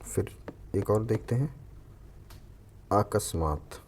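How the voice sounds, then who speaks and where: Gravelly-voiced man teaching spelling. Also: fairly low pitch, mellow, a little hiss or hum. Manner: explains step by step, repeats each word slowly. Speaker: Hindi exam coach. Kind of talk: spelling lesson for exam aspirants.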